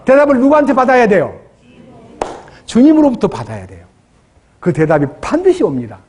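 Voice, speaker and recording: A man's voice: very high voice, huge pitch swings, a little fast, a little mellow, slight background noise. A man preaching a sermon as pastor, asking the congregation questions and acting out prayers in his own words. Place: church.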